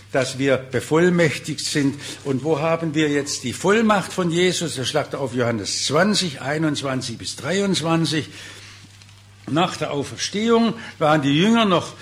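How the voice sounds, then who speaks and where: An older man preaching a sermon, earnest and exhorting, with his voice swinging from quiet asides to emphatic, high-pitched peaks and slowing when he reads scripture. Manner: earnest, exhorting, voice rising and falling sharply; slows down when reading scripture.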